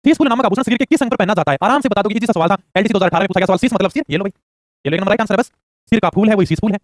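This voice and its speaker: A man runs through exam questions at breakneck speed. His voice sits high and he keeps pushing students to answer quickly. The recording is dry and close. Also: no room sound. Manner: rapid-fire, urging answers fast. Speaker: exam coaching teacher. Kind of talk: rapid quiz-style lesson.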